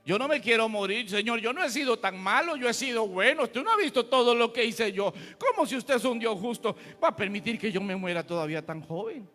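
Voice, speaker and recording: A man's voice: extremely high pitch, animated, brisk, hardly any pauses, sharp tone, in a large hall, faint music behind, pitched above the performer's own voice, full character voice. A man voicing a vain, self-pitying old king who pleads and whines. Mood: whining. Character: whining, vain old king begging not to die.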